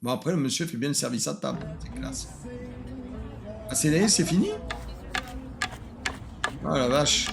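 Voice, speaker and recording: A man hosting a casual reaction commentary, sarcastic and self-mocking, often trailing off into quiet muttered asides. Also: fairly high pitch, animated, a little slow, creaky, pauses often, over music. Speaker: host reacting to cooking videos.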